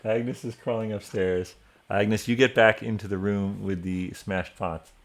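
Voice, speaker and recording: Low-voiced man running a tabletop game. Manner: relaxed, pauses on fillers. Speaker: dungeon master.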